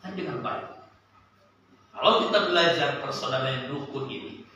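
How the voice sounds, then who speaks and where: A man preaching a sermon and telling a personal story, with an animated voice that climbs and sinks sharply. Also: medium pitch, normal speed, slight background noise. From Sulawesi, Indonesia. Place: church service hall. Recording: echoey church hall, from a distance.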